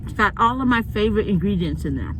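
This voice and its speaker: A woman's voice: medium pitch, big pitch swings, fast. A woman food vlogger talking casually to her viewers while eating, chewing as she speaks and savoring with mm sounds. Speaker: food vlogger hosting a mukbang. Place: inside a parked car in a parking lot at night. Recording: noisy car interior ambience.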